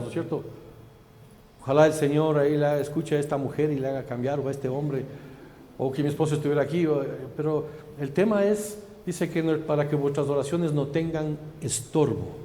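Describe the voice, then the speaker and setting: A man preaches to his congregation, loud and slightly harsh, and keeps checking in with them through rhetorical questions. His voice sits a bit high but sounds mellow. Long reverb from the church hall trails behind each phrase. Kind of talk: preaching testimony.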